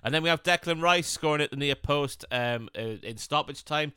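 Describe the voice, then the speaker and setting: A man co-hosting a football podcast, talking in a blunt, casual way with plenty of swearing. His voice is bright and smooth. He is recorded close on a dry mic. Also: a little high, moderate pace, no echo. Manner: blunt, swears casually, slips into mocking impressions. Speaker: podcast co-host.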